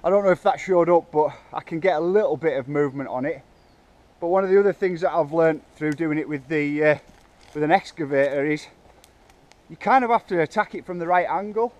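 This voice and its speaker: A man's voice: on the high side, fairly quick, a little mellow, muffled recording. Chatty man working outdoors. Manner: chatty, hesitant, self-talk while working. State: out of breath. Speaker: bike park builder. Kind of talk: casual vlog narration. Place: outdoors in woods.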